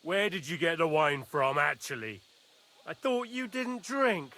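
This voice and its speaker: A man playing an arrogant, hot-tempered nobleman knight in a game cutscene who shouts accusations and insults. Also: a little high, animated, a little slow, full character voice. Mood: suspicious. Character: arrogant angry nobleman knight, middle-aged.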